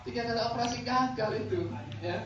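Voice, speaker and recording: A man delivers a lively, rhetorical training lecture, repeatedly checking that his listeners follow. His voice sits a bit high for a man. The recording sounds dull and distant, caught in a very echoey hall with faint noise behind it. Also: brisk. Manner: lively, rhetorical, quizzing the audience. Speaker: back-massage trainer.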